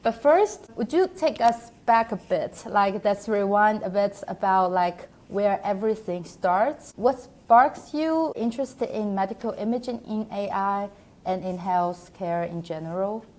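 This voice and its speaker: A woman's voice: medium pitch, animated, unhurried, darkish tone. A young woman in her twenties, a PhD student hosting a podcast, introducing a guest eagerly and asking questions. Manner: enthusiastic, eager.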